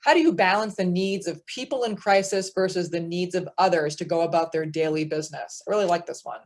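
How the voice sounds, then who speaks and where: Woman moderating, low voice. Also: fairly quick. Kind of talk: reading audience questions.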